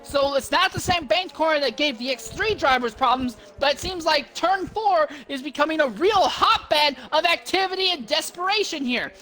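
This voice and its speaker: Bright, forceful male motorsport commentator. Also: very high voice, animated, normal speed, few pauses. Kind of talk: detailed live race play-by-play commentary.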